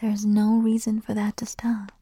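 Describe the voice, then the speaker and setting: A woman whispering softly in an intimate, soothing ASMR roleplay as a queen. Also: mid-range voice, completely flat delivery, moderate pace, husky, dry recording. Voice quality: soft whisper. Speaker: ASMR performer.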